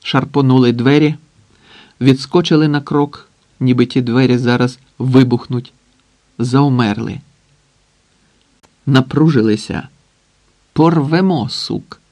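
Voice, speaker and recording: A man narrating an audiobook in a measured, dramatic way with long pauses. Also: mid-range voice, fairly even intonation, a little mellow, no echo.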